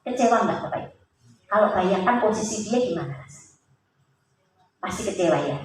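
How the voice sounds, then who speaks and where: Brief: woman, earnest church testimony, distant mic, booming hall echo. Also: animated, a little fast. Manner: earnest storytelling with questions put to the listeners. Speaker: church speaker giving a testimony. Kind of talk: sermon testimony to a congregation. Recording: very echoey hall, voice off-mic, faint hiss.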